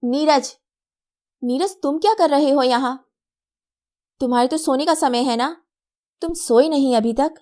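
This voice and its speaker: A woman's voice: fairly high pitch, fairly even intonation, measured pace, darkish tone, lightly acted. A woman playing a strict scolding mother. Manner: scolding, sarcastic. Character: strict, sharp-tongued elder sister and mother.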